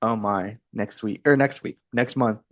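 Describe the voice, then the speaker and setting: A woman in her thirties from Texas co-hosting a podcast, chatting in a relaxed, hesitant way with laughs. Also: rumbling low, unhurried, no echo. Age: 30s. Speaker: podcast co-host. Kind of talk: casual chat.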